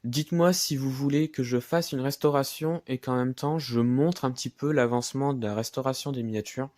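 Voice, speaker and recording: Man, casual vlog, hesitant, many fillers, mellow voice, dry close recording. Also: mid-range voice, dry recording. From France. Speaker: model car collector.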